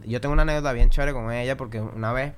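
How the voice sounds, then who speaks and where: A young man with a Venezuelan Spanish accent tells stories in a loose, slangy way. His voice sits at a middle pitch, and he talks like he is chatting casually on a podcast. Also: rapid-fire, slight background noise. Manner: slangy, animated anecdote telling. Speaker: singer-songwriter guest.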